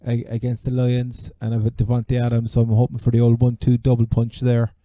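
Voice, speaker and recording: A man with a Cork Irish accent chatting casually as a sports podcast host, halting and repeating words as he goes. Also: mid-range voice, completely flat delivery, warm tone, no room sound. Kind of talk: casual fantasy American football chat.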